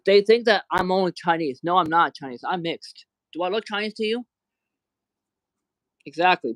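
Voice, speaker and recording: Hosting a livestream, a man with a slightly high voice launches into an angry rant, often repeating words and restarting sentences. There's no room sound.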